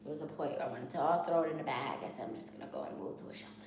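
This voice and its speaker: Her voice is deep, very animated, and very fast as this Haitian Creole-accented student vlogger rambles candidly about her studies. She keeps restarting and repeating herself, recorded in a very echoey room with noise.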